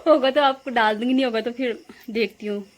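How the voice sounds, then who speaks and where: A woman's voice: on the high side, fairly even intonation, a little fast, noisy background. A woman vlogging on her phone camera, chatting casually and laughing as she retells a scare, first walking outside at night and then at home. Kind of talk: casual vlog chat.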